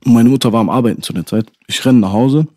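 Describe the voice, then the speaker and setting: An animated young man telling a story among friends, his voice at a middle pitch and very dry. He keeps calling his listeners "Bruder" and talks in a casual way. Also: fast talker, no room sound. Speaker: storyteller in a chat.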